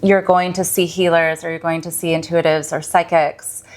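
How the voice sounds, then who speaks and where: A woman's voice: lowish voice, little pitch movement, normal speed, faint music behind. A woman in her thirties from Michigan, a guest healer telling her story in an earnest, reflective way. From Michigan, USA. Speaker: podcast guest, mystic and healer. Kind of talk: casual podcast interview.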